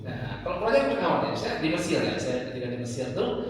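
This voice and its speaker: A man's voice: a little high, big pitch swings, fast talker. A man teaching an Arabic class, joking and imitating Arabic dialects, recorded from afar in a mosque hall. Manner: jokey, mimics Arabic dialects. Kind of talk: classroom lesson. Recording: echoey hall, distant mic, faint hiss.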